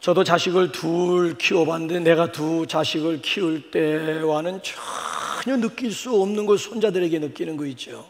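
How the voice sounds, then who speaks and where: An older man, a pastor, preaching a sermon with folksy stories and sudden animated exclamations. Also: a little high, moderate pace, gravelly, few pauses, long reverb tail.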